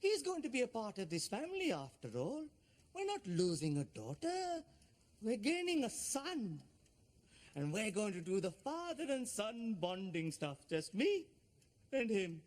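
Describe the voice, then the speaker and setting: An actor playing a pompous, excitable middle-aged Pakistani father and self-styled community leader in a sitcom, with a Pakistani accent and a boastful, theatrical manner. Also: sits high, measured pace, heavily acted. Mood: pleading, insistent. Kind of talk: broad television sitcom acting.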